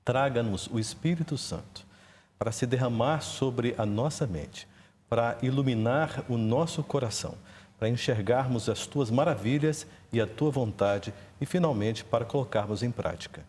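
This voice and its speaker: A man, a spiritual counselor, praying aloud calmly and earnestly in a TV studio. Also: mid-range voice, moderate pace. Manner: calm, earnest prayer voice. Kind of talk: spoken prayer and studio talk. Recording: studio with long reverb.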